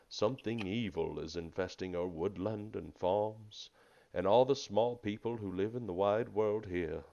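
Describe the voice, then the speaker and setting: A man voicing a wise, gentle old male turtle druid in a tabletop fantasy game, with a drawn-out storybook manner. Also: lowish voice. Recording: slightly dull lo-fi mic.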